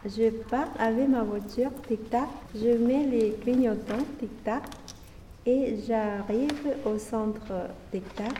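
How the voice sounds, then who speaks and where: A woman's voice: fairly high pitch, slow pace, few pauses, mellow, a little hiss or hum. A woman giving a rhythmic poem recitation in short lines, each broken by a chanted refrain. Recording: echoey hall from far off.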